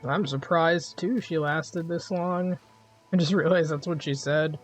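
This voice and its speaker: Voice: medium pitch, measured pace, faint music behind. A streamer giving casual, jokey commentary while playing a game, easygoing and laughing often.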